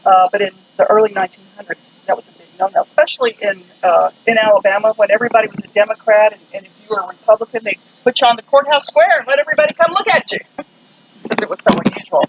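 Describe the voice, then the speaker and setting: A man's voice: high voice, quick pace. A man telling local stories to a tour group in a folksy, conversational, digressive way. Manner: folksy, digressive, acts out short quotes. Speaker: ghost tour guide. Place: outdoors on a noisy street. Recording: dull outdoor street recording with traffic noise.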